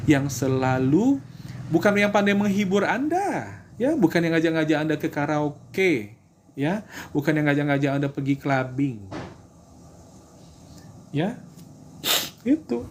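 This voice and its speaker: A man's voice: on the high side, slight background noise. Chatty man giving advice to viewers. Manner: chatty, repeats himself, acts out prayers; answers viewer greetings. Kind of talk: casual religious advice talk.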